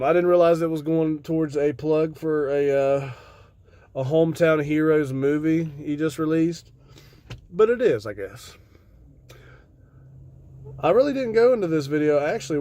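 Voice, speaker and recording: With a mellow voice on the high side, an American man talks to his viewers in a loose, rambling vlog chat. He sounds high on cannabis, keeps things laid-back with casual swearing, and hosts the video.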